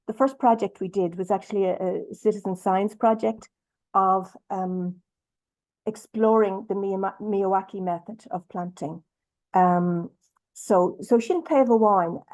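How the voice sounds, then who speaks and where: Irish woman, webinar guest, warm low-toned voice, halting delivery, drifts between two languages. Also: rough recording. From Ireland. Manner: hesitant, many ums and restarts, switches between Irish and English. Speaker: webinar speaker. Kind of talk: bilingual webinar talk.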